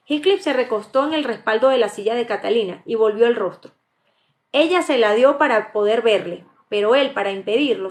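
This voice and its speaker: A woman reading a novel aloud live as an audiobook, now and then stumbling and correcting herself. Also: a little high. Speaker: audiobook reader.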